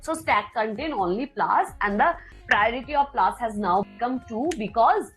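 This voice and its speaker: A woman teacher with a Bengali accent, native in Bengali, gives a step-by-step lecture. Her voice sits fairly high and she talks quickly, yet she explains deliberately and repeats herself. Music is clearly present in the recording. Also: expressive, a bit bright, poor audio. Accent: Indian Bengali. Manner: deliberate, repetitive explaining, switching languages. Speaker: computer science teacher.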